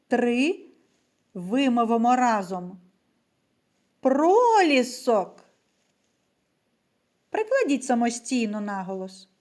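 Slow, lively high-voiced woman teacher. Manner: slow, carefully stressed words for children to repeat. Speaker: primary school teacher. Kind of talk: literacy lesson for young children.

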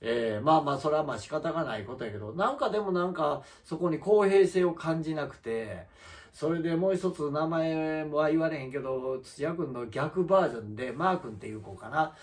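A man's voice: a little high, animated, brisk. A man with a Kansai accent, a comedian hosting his own channel, ranting in a heated, indignant way with many fillers. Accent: Kansai Japanese. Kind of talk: solo vlog rant.

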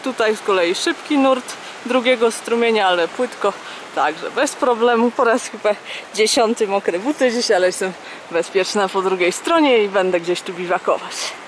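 A woman's voice: a little high, normal speed, slight background noise. A young woman narrating her hike on a mountain trail in a casual way. She explains the sights as she walks, recorded on a handheld camera outdoors. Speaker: hiker vlogger.

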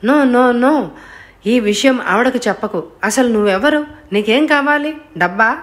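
Woman voicing a scared middle-aged officer man, high strained voice, panicky, audiobook. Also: normal speed, close to an everyday voice. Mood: panicked. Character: frightened, flustered middle-aged male officer. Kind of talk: audiobook character voice.

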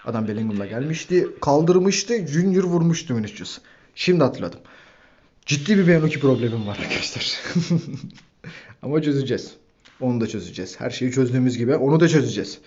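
A man hosting a gaming channel, giving lively commentary over his own football video game match, shouting player names and cursing at his players. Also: medium pitch, fast, muffled recording.

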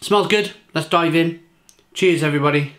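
A man's voice: on the high side, normal speed, fairly bright tone. Rambling British man reviewing beer. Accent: British English. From England. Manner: rambling, restarts often, enthusiastic about flavours. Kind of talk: casual beer review to camera.

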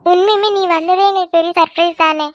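A woman voicing a cheeky teenage village daughter in a cartoon, talking back quickly with a whiny, sassy manner. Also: very high voice, fairly even intonation, no room sound, muffled recording. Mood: tearful, pleading. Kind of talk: cartoon voice acting.

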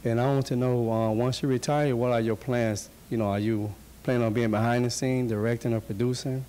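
A man's voice: mid-range voice, little pitch movement, fairly quick, warm tone. A man from Chicago, an acting student, asking a guest a friendly, casual question. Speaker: acting student, audience member. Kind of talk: audience question.

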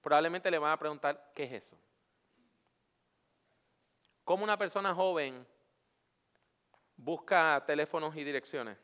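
A man's voice: fairly high pitch, unhurried, pauses often, sharp tone, clean tone. A middle-aged man from Puerto Rico with a neutral Latin American Spanish accent, leading a preaching workshop and firing rhetorical questions at the audience. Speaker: workshop leader and pastor. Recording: long reverb of a large hall.

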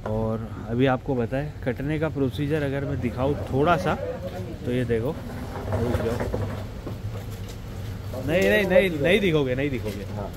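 Speaking in a mid-range voice, this man is animated, keeps a moderate pace and pauses often. He narrates a casual vlog, chatting straight to viewers as he demonstrates goat farm tasks one step at a time, both on the farm and out on the street. The audio, picked up by a clip-on mic after setup, is noisy with outdoor traffic.

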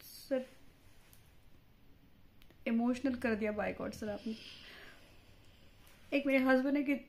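A woman's voice: fairly high pitch, takes it slowly, a little hiss or hum. A woman playing a chatty, quarrelsome married mother in a comic monologue, fawning and talkative as a job candidate for a news anchor post. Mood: eager, polite. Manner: chatty, fawning toward interviewer, mixes English words into Hindi.

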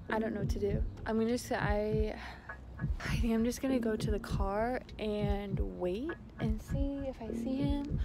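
A woman's voice: a little high, fairly even intonation, measured pace, very noisy. A young woman venting to camera in a casual vlog, exasperated and swearing freely. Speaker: vlogger's girlfriend.

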